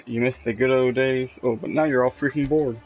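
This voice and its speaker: A man's voice: medium pitch, fairly even intonation, a little fast, over music, low-quality recording. A man hosting a let's play, giving casual game commentary and reading dialogue choices aloud.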